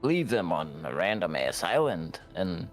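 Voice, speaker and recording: A man's voice: deep voice, very animated, measured pace. A man doing casual improvised role-play in a tabletop game, hesitant and often trailing off. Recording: music playing behind the voice.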